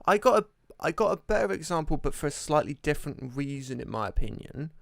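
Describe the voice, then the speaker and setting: A man's voice: fairly high pitch, very animated, brisk, creaky, no echo, studio quality. A man talking on a podcast, hesitant and full of restarts as he works out his example. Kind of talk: casual podcast discussion.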